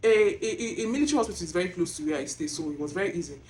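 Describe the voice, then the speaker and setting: A woman with a Nigerian accent filming herself as she tells a personal testimony, emotional and animated, close to tears. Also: fairly low pitch, racing, slight background noise. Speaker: vlogger. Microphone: self-filmed camera.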